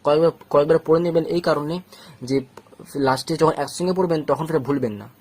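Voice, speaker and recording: A man teaching Quran reading, sounding out letters slowly syllable by syllable and explaining each step calmly. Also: a little high. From Bangladesh or West Bengal. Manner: slow syllable-by-syllable drilling; explains calmly, checks with "okay?". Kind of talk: patient step-by-step recitation lesson.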